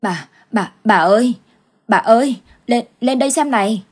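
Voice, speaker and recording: A woman's voice: lowish voice, animated, fairly quick, husky. Woman voicing an anxious old village husband. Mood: alarmed.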